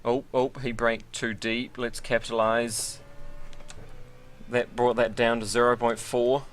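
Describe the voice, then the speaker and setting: A man's voice: medium pitch, flat delivery, a little slow. Man muttering racing commentary over background noise. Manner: rambling, self-deprecating. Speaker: sim racing streamer. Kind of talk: casual gaming commentary.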